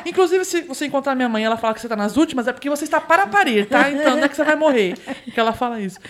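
Animated high-voiced Brazilian woman storyteller. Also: racing. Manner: animated, dramatic storyteller, laughs often. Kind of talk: casual chat.

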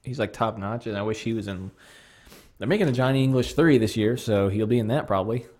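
A man's voice: lowish voice, fast, darkish tone. A man co-hosting a podcast, chatting casually about movies, rambling with frequent restarts. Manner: rambling, restarts often, laughs mid-sentence. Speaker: podcast co-host.

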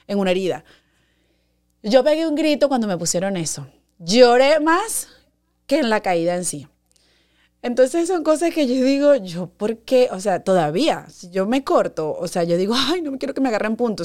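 A young adult woman, hosting a podcast as a chatty, animated storyteller. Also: a little high. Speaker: podcast host. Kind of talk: casual monologue.

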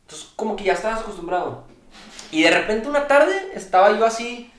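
Young Mexican guy guest, animated slangy storyteller, higher voice, echoey room. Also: fairly quick. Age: young adult. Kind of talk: casual podcast chat.

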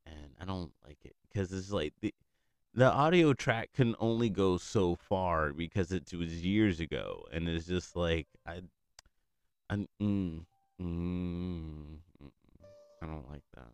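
Casual young man, deep and smooth, rambling, swears freely and laughs often. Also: lively intonation, slow pace, no room sound. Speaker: friend catching up. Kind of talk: casual chat.

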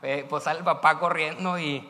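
A male pastor with a Mexican Spanish accent tells stories in a sermon, keeping it casual and conversational and often tagging on questions. His fairly high voice is pushed and bright, with fairly even intonation and a moderate pace. The recording has the echo of a church hall.

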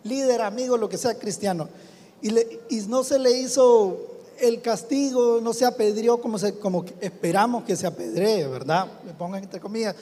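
A man's voice: sits high, moderate pace, warm tone. A man hosting a live interview, posing hesitant, rambling questions to a pastor. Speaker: host. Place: live event before an audience. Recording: live hall reverb with faint noise.

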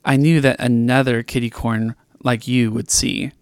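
A gentle male unicorn who talks softly, almost in a hush, as a man voices him for a storybook. His tone stays low-key and confiding. The sound is dry and close. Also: flat delivery, moderate pace, no room sound, natural voice. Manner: soft-spoken, hushed.

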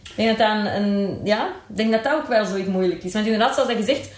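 A woman's voice: mid-range voice, quick pace. A woman with a Flemish accent chatting candidly and informally, with English exclamations mixed in. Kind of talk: casual, candid group chat. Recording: echoey room.

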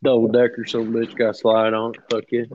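A man's voice: mid-range voice, monotone, moderate pace, a little mellow, muffled recording, slight background noise. A man in his thirties co-hosting a podcast, chatting casually with loose, profane banter. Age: 30s. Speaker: podcast co-host. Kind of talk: casual chat.

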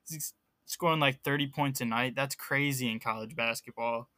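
A young man co-hosting a podcast, talking college basketball in a relaxed way with lots of ums. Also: medium pitch, moderate pace, no room sound. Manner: relaxed, filler-heavy talk. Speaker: podcast co-host. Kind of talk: casual sports chat.

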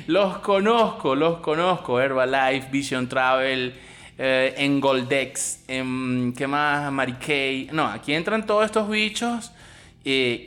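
A Venezuelan man rants on his podcast, crude and scornful, with blunt delivery. His voice sits high for a man. Faint music plays softly underneath. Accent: Venezuelan Spanish. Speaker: podcast host. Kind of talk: ranting podcast monologue.

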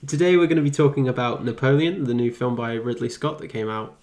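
A man's voice: medium pitch, fast talker, a little mellow. Man, hesitant, lots of um, dry humour, casual. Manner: hesitant, many ums and restarts, dry humour. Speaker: podcast co-host. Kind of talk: casual chat.

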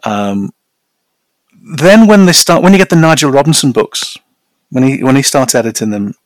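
A man from the north of England with a Northern English accent and flat vowels, chatting casually as a podcast guest in an anecdotal, self-deprecating way. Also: medium pitch, normal speed, no room sound. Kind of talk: casual interview chat.

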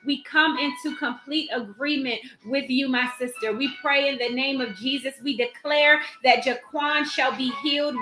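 A woman's voice: high-pitched, pushed and bright. A woman leading a live prayer meeting, praying urgently over the sick in repeated, declarative invocations. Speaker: prayer leader and Bible teacher. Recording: roomy echo, faint music behind.

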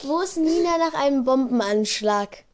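A woman's voice: high voice, lively intonation, moderate pace. A young woman co-hosting a casual chat, telling bad jokes in a hesitant, apologetic, giggly way. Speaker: podcast co-host. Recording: slightly noisy amateur home recording.

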